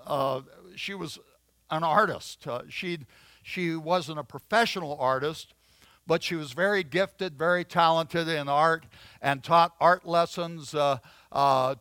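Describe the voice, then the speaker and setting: A man's voice: fairly high pitch, pushed and bright, no room sound. A man preaching a sermon, telling a story from his childhood with many fillers and restarts. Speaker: pastor.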